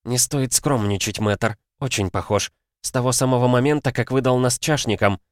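Brief: man playing a worn-out, hoarse young huntress, blunt and scornful, raised pitch, dry close sound. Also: moderate pace, dry recording, close to an everyday voice. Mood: weary defiant. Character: exhausted young female hunter, blunt and defiant.

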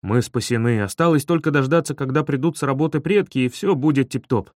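A man's voice: mid-range voice, darkish tone, no room sound, studio quality, lightly acted. A man doing a cocky, teasing schoolboy. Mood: smug. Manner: brisk, teasing, bossy. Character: cocky schoolboy friend Vitka, hiding in bathroom. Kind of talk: audiobook reading.

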